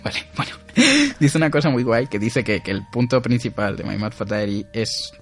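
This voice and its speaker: Over soft background music, a young male podcast co-host rambles through a casual chat, often restarting and laughing. He speaks at a moderate pace in a medium-pitched, expressive voice.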